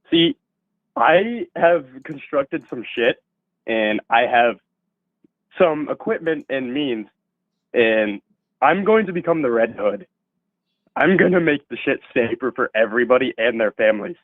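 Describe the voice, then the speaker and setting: A young man in his twenties calling in to a livestream, his voice run through a deep pitch-shifting voice changer, talking in an earnest, matter-of-fact way. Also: big pitch swings, a little slow, pauses often, no room sound. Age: 20s. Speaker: caller. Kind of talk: call-in chat on a livestream. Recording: tinny dry phone line.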